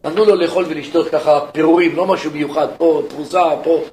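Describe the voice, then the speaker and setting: High-voiced rabbi telling a story. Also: male voice. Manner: lively narration, addresses listeners directly. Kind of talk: sermon storytelling. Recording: echoey room, faint rumble.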